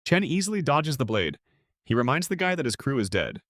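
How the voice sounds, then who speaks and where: A man narrating a comic story recap in a brisk, dramatic way with sarcastic asides. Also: medium pitch, very animated, a bit bright, dry recording, clean studio sound.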